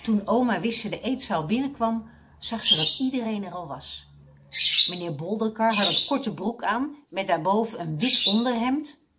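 A woman working as a library reading consultant, reading a children's book aloud with expressive storytelling. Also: mid-range voice, normal speed, very noisy.

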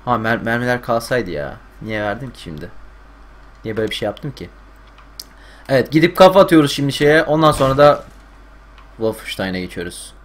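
A young man commentating a game stream live, getting loud and swearing at the game. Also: medium pitch, brisk, long pauses. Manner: excitable, swears, yells at the game. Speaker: gaming streamer.

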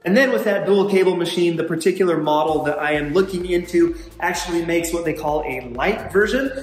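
With a slightly high voice and a slightly fast pace, a man in his thirties, a physical therapist and fitness channel host, enthusiastically addresses "you guys" while touring his basement under construction in a casual vlog. He films indoors on a handheld camera whose mic, often held at arm's length, records the echoey bare space and faint background music.

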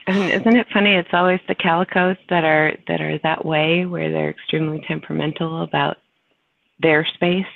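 A woman's voice: sits low, steady tone, normal speed, gravelly, no echo. A woman in a casual chat, telling funny stories and laughing often. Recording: tinny phone-like dry line.

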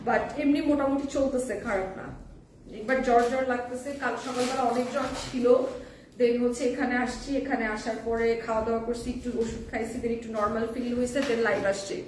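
Hoarse woman host, chatty live seller, high voice, recorded from a distance with noise behind. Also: steady tone, brisk, darkish tone, echoey room. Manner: chatty, reads viewer comments, mixes in English. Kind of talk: live-stream saree selling.

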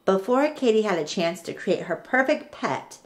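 A woman with a mid-range voice reads a children's picture book aloud, expressive and deliberate, with dramatic pauses.

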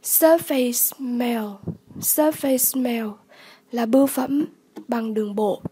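A woman English tutor, slowly repeating vocabulary words and giving the word class, the stressed syllable and the meaning of each. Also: on the high side, mellow, breathy edge, no room sound. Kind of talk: vocabulary lesson.

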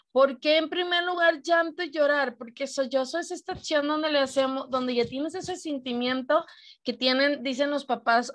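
A woman teacher with a Mexican accent giving an online class over a video call, explaining patiently and often asking her students questions. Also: sits high.

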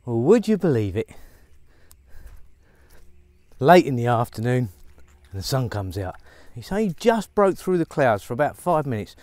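A man's voice: medium pitch, sing-song, normal speed, long pauses, a little mellow, no room sound. A middle-aged man, talking casually to camera while working outdoors on his farm, chatty and upbeat with lots of fillers. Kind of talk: casual vlog narration to camera. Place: outdoors on a rural farm, rainy. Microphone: lapel mic.

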